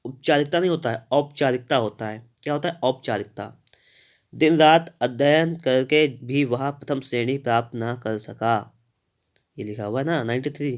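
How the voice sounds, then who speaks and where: Man teaching spelling step by step. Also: mid-range voice. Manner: explains step by step, often repeating words slowly; addresses students directly, with frequent "thik hai" checks. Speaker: Hindi grammar teacher. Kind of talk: exam-prep spelling lesson.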